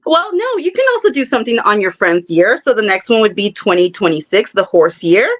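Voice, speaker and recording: A woman's voice: medium pitch, big pitch swings, brisk, lo-fi sound. A woman talking as a psychic guest in a casual interview, chatty and laughing often as she explains with examples.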